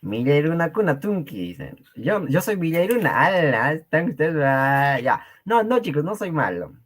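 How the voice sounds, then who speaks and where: A man's voice: fairly high pitch, sing-song, normal speed. A man with a Peruvian Spanish accent teaching an online Quechua class, joking with his students and laughing often.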